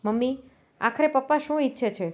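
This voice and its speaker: A headstrong young wife snaps her words out sharply, proud and quick to anger, as a woman narrator takes her part. The voice sits somewhat high. It is a storybook reading. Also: darkish tone, close to an everyday voice. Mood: angry.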